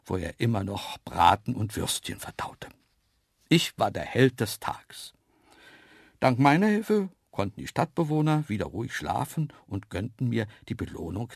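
A man narrating a children's story in the first person, lively and playful, with hushed asides. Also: lowish voice, vocal fry, slightly rough, no echo, clean studio sound. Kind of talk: storybook reading.

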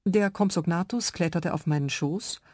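Brief: a low-voiced woman narrating a children's radio story, calm and clear, dry studio. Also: moderate pace, dry recording. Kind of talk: scripted story reading for children.

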